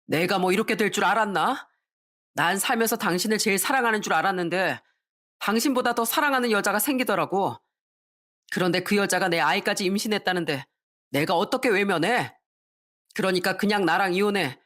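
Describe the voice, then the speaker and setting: A woman's voice: mid-range voice, expressive, a little fast, a bit bright. A woman voicing a young cheating husband who bluntly and dismissively demands a divorce, in a storybook radio reading. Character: cheating husband, young adult man, brazen and cold.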